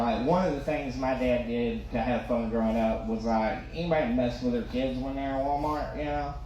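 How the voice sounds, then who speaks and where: Male stand-up comic, toothless slurred diction, self-deprecating and informal, heard in a heavily reverberant room over clear background noise. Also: medium pitch. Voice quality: toothless, slightly slurred articulation. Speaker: stand-up comedian. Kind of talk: stand-up comedy storytelling. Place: live comedy stage in a reverberant room.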